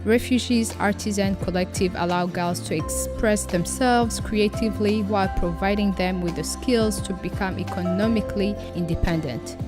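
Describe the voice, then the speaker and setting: Measured female narrator over music. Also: mid-range voice. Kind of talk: scripted narration.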